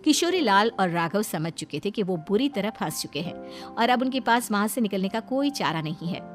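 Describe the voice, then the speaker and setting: A woman narrates a scripted story. Her pitch is average for a woman, and faint music plays behind her. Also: lively intonation, normal speed.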